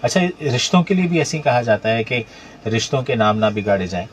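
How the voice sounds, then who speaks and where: A man's voice: mid-range voice, lively intonation, a little hiss or hum. A man hosting a radio talk show, asking questions conversationally and affirming his guest often. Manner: conversational, asks questions with many affirming interjections.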